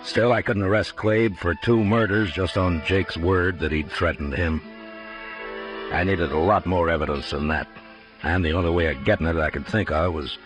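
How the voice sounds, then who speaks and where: An American actor playing a steady, world-weary US marshal in a 1950s radio western, terse, measured and authoritative. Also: male voice, deep voice, natural voice. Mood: reflective narration. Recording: noisy old 1950s radio recording.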